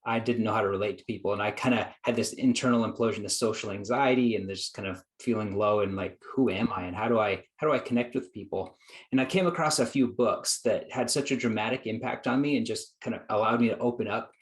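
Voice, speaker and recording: Speaking fast in a lowish voice, this man is a guest psychologist and productivity coach from the United States. He shares his story conversationally, earnest and reflective, acting out the thoughts he once had.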